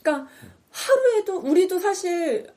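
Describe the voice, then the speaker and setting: A woman's voice: very high voice, big pitch swings, normal speed, dark tone. A woman podcast host in a casual chat, animatedly retelling a TV drama and acting out its lines.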